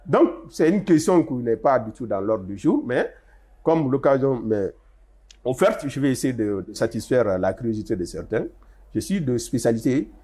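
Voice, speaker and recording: An older man, a guest who works as an Arabic translator, answers interview questions in an emphatic, explanatory manner with stressed rises and frequent restarts. His voice is medium in pitch, with a darkish tone and a breathy edge.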